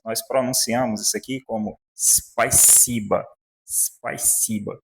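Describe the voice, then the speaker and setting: A man's voice: mid-range voice, vocal fry. A man whose first language is Portuguese, teaching the Russian alphabet and pronunciation in a patient, step-by-step way. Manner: slow and patient, with frequent "né?" checks. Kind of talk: explaining Russian letters and pronunciation.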